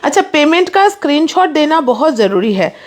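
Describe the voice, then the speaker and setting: High-voiced woman rattling off a sales pitch. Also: very animated. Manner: rapid, pushy sales patter, mixing English in. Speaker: online saree seller. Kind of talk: live sales stream.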